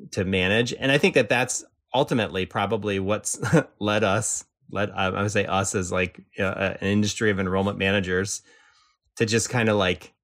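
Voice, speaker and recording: In a casual conversational chat, this man, an enrollment strategist appearing as a podcast guest, rambles along with frequent fillers and restarts. He has a voice on the low side with a fairly bright tone.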